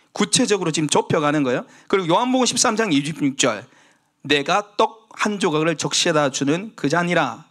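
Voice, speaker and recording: A male pastor delivers a Sunday sermon in a fairly high voice. He preaches with animation, rising for emphasis and sinking into soft, pleading tones. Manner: animated preaching, dropping to hushed tones when voicing Jesus's pleas.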